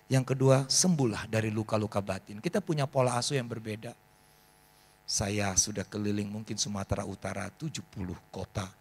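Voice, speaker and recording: A man, preaching a sermon as pastor and telling animated stories. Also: lowish voice, brisk, creaky, slightly rough. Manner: animated storytelling, acts out voices of people in his stories.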